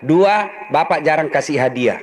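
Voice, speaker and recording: A man's voice: a little high, lively intonation, moderate pace, crowd noise, background noise. A middle-aged man, preaching a humorous sermon, joking and acting out husband and wife voices.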